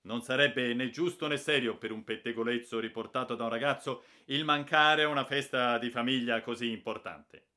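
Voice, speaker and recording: A man's voice: medium pitch, fairly even intonation, moderate pace, bright, forceful tone, pitched above the performer's own voice, natural voice. A man voicing a stern but secretly amused father in an audiobook. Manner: stern, firm.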